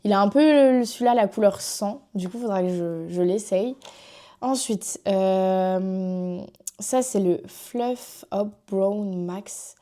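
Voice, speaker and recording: A woman's voice: medium pitch, slow, dark tone. A young woman with a French accent chatting casually through a makeup haul, rambling with lots of fillers. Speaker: vlogger.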